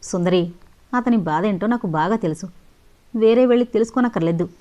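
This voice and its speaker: A woman's voice: mid-range voice, normal speed, darkish tone, natural voice. Woman voicing a scornful, stubborn young woman. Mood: stern, sarcastic. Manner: sarcastic, firm.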